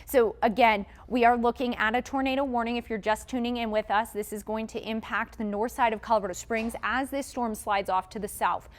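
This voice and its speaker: Urgent woman TV meteorologist, bright pitch. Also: steady tone, fairly quick, hardly any pauses. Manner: urgent, explanatory, giving safety instructions. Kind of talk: live breaking weather coverage.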